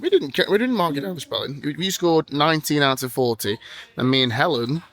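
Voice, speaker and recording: Chatty man vlogging, slightly high. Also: expressive, fairly quick, a bit bright. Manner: chatty, jokey and rambling. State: tired. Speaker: vlog host. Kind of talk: casual travel vlog chat.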